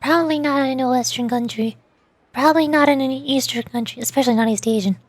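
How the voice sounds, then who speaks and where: With no room sound, a fast-talking woman whose voice sits high chats casually with viewers during a livestream, backed by music. This VTuber thinks out loud in a hesitant way, stammering on repeated words and lightly putting herself down.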